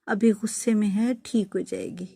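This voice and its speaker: A woman voicing a weary, gentle young village husband who speaks softly and with resignation. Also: mid-range voice, steady tone, gravelly, breathy edge, no room sound, clean studio sound, voice pushed up. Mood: sorrowful.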